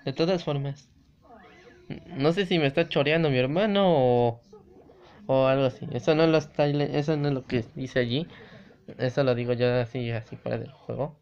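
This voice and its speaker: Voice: mid-range voice, fairly even intonation, normal speed, darkish tone. Jugador de videojuegos asustadizo y exclamativo, tono medio, sonido apagado. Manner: jumpy, exclaims and swears at scares. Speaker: gamer playing a visual novel. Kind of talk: let's play commentary. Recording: dull lo-fi recording.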